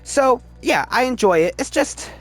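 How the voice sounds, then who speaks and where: With a very high-pitched, expressive voice and a fairly bright tone, this man speaks at a measured pace. He's a video host ranking films, giving emphatic, opinionated, casual commentary while frequently stammering and repeating himself.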